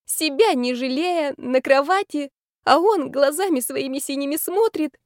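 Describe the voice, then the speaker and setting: Brief: a woman plays a tipsy lovesick young woman in an audiobook, high and wailing, melodramatic sobs. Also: sing-song, a little slow, a little mellow, no echo, clean studio sound, exaggerated voice. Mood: tearful. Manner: wailing, melodramatic sobbing delivery.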